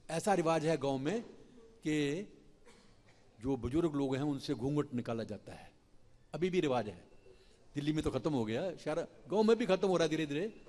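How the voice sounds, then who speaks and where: Male temple preacher, animated storyteller, slightly high voice, echoey hall. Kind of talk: storytelling sermon.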